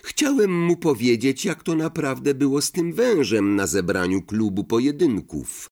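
A man's voice: medium pitch, big pitch swings, unhurried, darkish tone, voice pushed up. A man voicing an angry, defensive teenage boy who answers in a heated, indignant way.

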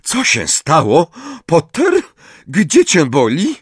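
A man reading an audiobook, voicing a stern, brisk older woman professor with a sharp, questioning manner. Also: on the high side, huge pitch swings, breathy edge, no echo, clean studio sound, voice pushed up, full character voice.

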